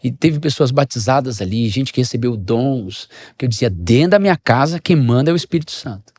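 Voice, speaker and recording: A man with a Brazilian accent, a pastor and former footballer, telling animated stories in a podcast interview and acting out the voices of people he quotes. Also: medium pitch, fairly quick, no echo. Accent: Brazilian Portuguese.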